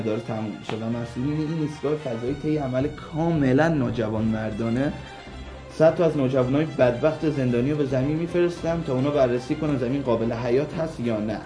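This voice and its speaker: A man's voice: mid-range voice, dark tone. A man co-hosting a radio show, recommending series in a casual, teasing banter. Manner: teasing, joking.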